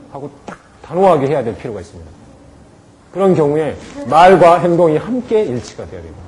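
A man's voice: fairly high pitch, a little mellow, rough recording. A middle-aged man lecturing church teachers, plain and direct, acting out firm words to a child. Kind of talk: lecture to Sunday school teachers.

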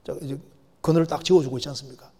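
A man preaching a sermon as a pastor, emphatic, slowing down and getting louder on key phrases. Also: fairly high pitch, steady tone, breathy edge. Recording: long hall reverb.

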